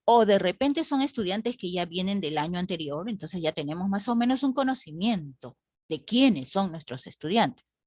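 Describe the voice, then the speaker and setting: A woman's voice: on the low side, expressive, moderate pace, a little mellow, dry recording. A woman teacher lecturing a class online, asking the group rhetorical questions and often adding "¿no?".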